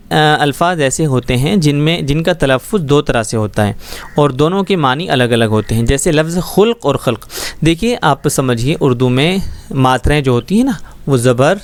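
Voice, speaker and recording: A man teaching a schoolbook Urdu lesson, explaining words patiently and often checking that students follow. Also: on the high side. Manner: patient, explains slowly with frequent check-ins.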